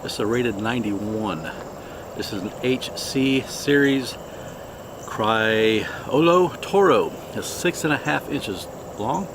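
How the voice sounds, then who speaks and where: A man hosting a casual product review, talking in an unhurried, halting, plainspoken way. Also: lowish voice, creaky, noisy background. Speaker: cigar review host.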